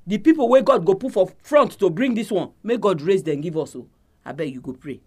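A man's voice: high-pitched, lively intonation, fairly quick, husky. A man with a Nigerian accent leading a group prayer in Nigerian Pidgin. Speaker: prayer meeting leader.

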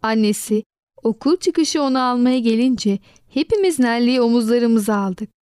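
A woman narrating a children's storybook in an expressive reading voice, giving quoted lines a lively lift. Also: on the high side, normal speed, clean tone, no room sound, clean studio sound.

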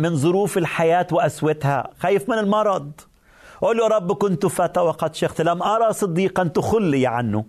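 A man with an Egyptian Arabic accent delivers a sermon in a somewhat high voice. He speaks earnestly and builds on repeated phrases. He addresses the listener directly throughout. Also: darkish tone. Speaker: preacher.

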